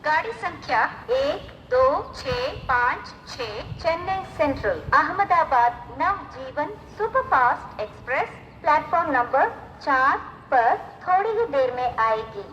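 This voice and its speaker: A woman's voice: high voice, highs cut off, slight background noise. Woman's announcement over a station intercom. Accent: Indian. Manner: measured, evenly spaced announcing. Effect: over a station public address loudspeaker. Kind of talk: formal train announcement. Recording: echoey station loudspeaker with faint ambience.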